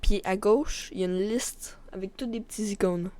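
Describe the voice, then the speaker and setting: Mellow Québécois woman streamer, casual chat. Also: mid-range voice, moderate pace. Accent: Québécois French. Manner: rambling, informal, chatting directly to a viewer. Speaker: video game streamer.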